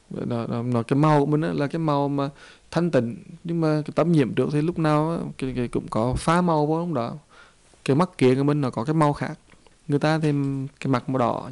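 A man gives a dharma talk, narrating a Buddhist parable with halting restarts and repetitions. His voice is gravelly and dark, at a middle pitch.

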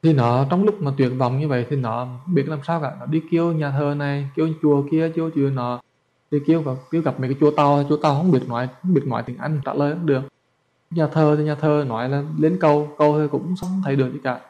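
A Buddhist monk tells a story as a sermon, his voice a little high but dark and mellow in tone. He talks in a loose, chatty way, stumbling over repeated words and speaking straight to his listeners. The recording is dull and lo-fi. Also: fast.

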